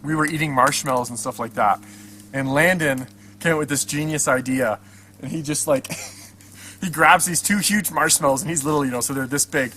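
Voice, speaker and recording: A man's voice: a little high, moderate pace, a little hiss or hum. Chatty man at a winter campsite. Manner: chatty, animated when telling stories. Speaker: channel host. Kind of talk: casual storytelling vlog.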